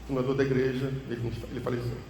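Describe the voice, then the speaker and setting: A man's voice: level tone, fast, warm tone. A man preaching a sermon and telling a personal testimony, emphatic, swinging his voice up and down. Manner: emphatic, swings pitch and volume widely for effect. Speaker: pastor. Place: church hall. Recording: echoey reverberant church hall, faint hum.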